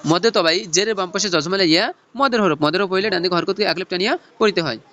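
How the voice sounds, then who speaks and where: A man teaching Noorani Quran reading in a lesson, spelling out letters and tajweed rules in a slow teaching chant. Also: sits high, sharp tone, muffled recording. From Bangladesh.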